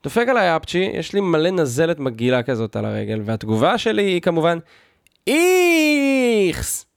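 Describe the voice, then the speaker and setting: A man's voice: fairly high pitch, sing-song, vocal fry, no room sound, studio quality. A man hosting a podcast, delivering a sarcastic, mock-outraged comedic rant in a loose, talky way with fillers and restarts. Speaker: podcast host.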